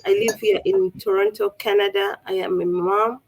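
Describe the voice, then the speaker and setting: Gravelly woman co-host, hesitant. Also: medium pitch, big pitch swings, moderate pace, slight background noise, poor audio. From Uganda. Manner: hesitant, many ums. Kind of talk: live online talk show.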